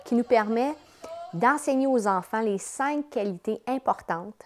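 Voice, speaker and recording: A woman's voice: on the high side, expressive, a little slow, darkish tone. A woman with a Quebec accent enthusiastically explaining her children's show in a promotional interview. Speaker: children's entertainer, company president.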